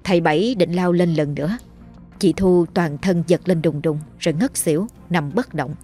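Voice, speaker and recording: Woman narrating a ghost story low. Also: moderate pace, dark tone. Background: faint music.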